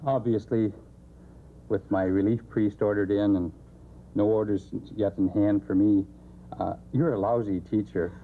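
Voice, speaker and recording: A man's voice: fairly low pitch, fairly even intonation, unhurried, noisy background. A man who is a Navy chaplain giving a roast speech, hesitant with many uhs and dry jokes, on a thin lo-fi recording. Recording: thin phone-like lo-fi TV sound.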